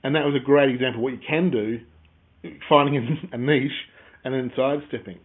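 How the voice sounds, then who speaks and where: A man's voice: medium pitch, steady tone, fairly quick. Jokey man on a tinny line. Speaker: podcast co-host. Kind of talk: casual business chat. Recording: phone-like narrow sound.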